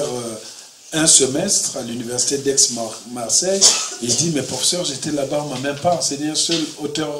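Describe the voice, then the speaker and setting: Animated writer speaking from a distance. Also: male voice, medium pitch. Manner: animated, repeats words, laughing asides. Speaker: writer on a panel. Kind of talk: panel discussion. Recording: roomy sound from the mic, faint room noise.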